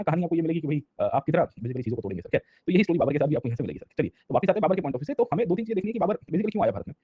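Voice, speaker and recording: A man teaching an exam-prep history lecture, switching between Hindi and English and often pausing to check that students follow. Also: medium pitch, husky, no echo, dull audio. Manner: mixes Hindi and English, keeps checking in with listeners.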